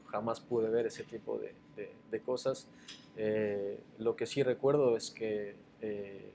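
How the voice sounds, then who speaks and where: A man's voice: on the low side, gravelly, a little mellow, slight background noise. A man from Ecuador with an Ecuadorian accent, a former footballer answering interview questions hesitantly, with many fillers and repeated words. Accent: Ecuadorian Spanish.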